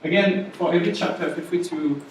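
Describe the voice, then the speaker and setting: Slightly fast and on the high side, a French-accented workshop instructor chats his way through a class presentation, frequently checking in with the room. The recording is echoey, taken from a distant mic, with a little hiss or hum.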